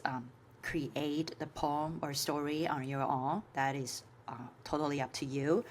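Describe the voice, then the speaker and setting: A native Chinese-speaking woman with a Chinese accent runs an informal screen-share tutorial as a course instructor. Her phrasing is halting and packed with filler sounds, her voice is low, and there's slight background noise.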